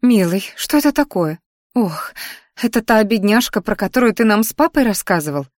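A woman's voice: mid-range voice, expressive, normal speed, no room sound, lightly acted. Worried bossy mom, fussing and giving orders, woman reading, close dry voice. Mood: alarmed. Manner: agitated, commanding. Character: fussy worried mother, bossy.

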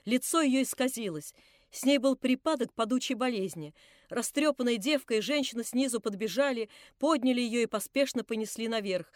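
Brief: female audiobook narrator for literary fiction; measured, dramatic, high, dry sound. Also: animated, no room sound. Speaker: audiobook reader. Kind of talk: classic novel narration.

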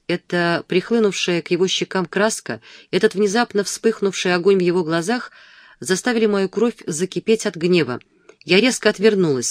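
Male audiobook narrator, fairly high voice, dry close sound. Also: dry recording. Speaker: audiobook reader.

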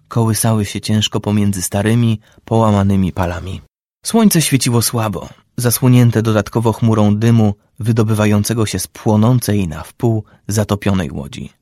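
Man, low voice, dry close sound, measured story reading, light character voices. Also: darkish tone, no echo. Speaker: narrator. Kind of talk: audiobook-style story reading.

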